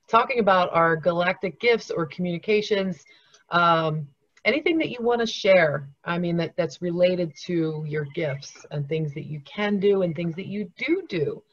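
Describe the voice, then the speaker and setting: A woman's voice: medium pitch, normal speed, no room sound. Woman host on a dull dry call, upbeat, thanking everyone. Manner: upbeat, thanks guests often. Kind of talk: casual group chat hosting. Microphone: video call.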